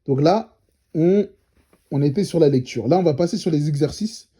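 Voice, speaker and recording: Patient husky male teacher, dark voice. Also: on the high side. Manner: patient, repeats syllables slowly and checks with "d'accord?". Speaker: Arabic reading teacher. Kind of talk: step-by-step lesson.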